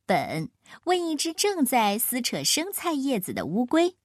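A woman narrating a children's picture book with gentle, expressive storytelling. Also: high voice, unhurried, dry recording, studio quality. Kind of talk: picture-book read-aloud.

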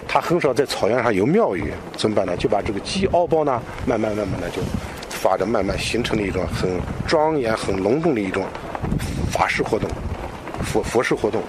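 A man speaking as a local guide, explaining things off the cuff to an interviewer in a halting, repetitive way. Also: medium pitch. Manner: halting, repeats phrases, frequent filler particles. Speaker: local culture expert and guide. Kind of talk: unscripted explanatory talk to an interviewer. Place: outdoors. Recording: noisy outdoor location recording.

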